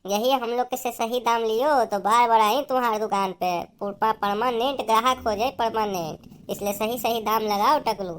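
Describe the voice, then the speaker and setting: Cartoon: woman voices a shrill bossy elder sister with an Awadhi accent who haggles hard. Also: fairly even intonation, normal speed, natural voice. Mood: scolding. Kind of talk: cartoon voice acting.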